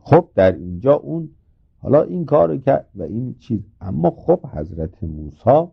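A man giving an informal religious talk, retelling a scripture story in a casual, halting way with many filler words. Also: mid-range voice, very animated, gravelly, husky. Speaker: religious speaker. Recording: tinny phone-like recording.

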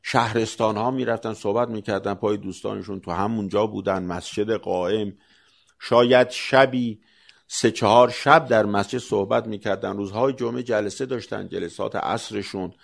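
A man giving a religious talk, piling up rhetorical questions and building to forceful emphasis. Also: on the low side, fairly even intonation, creaky. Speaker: preacher.

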